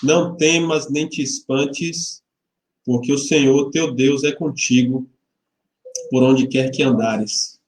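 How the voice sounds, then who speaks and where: A man's voice: mid-range voice, steady tone, takes it slowly, a little hiss or hum. A man of about forty from Salvador, a pastor who chats casually with a livestream audience and leads a prayer. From Salvador, Bahia, Brazil. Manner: chatty and informal, greeting viewers by name, joking lightly. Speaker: pastor leading the service. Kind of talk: livestreamed church service, greetings and prayer. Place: church hall. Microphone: webcam microphone. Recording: roomy webcam sound.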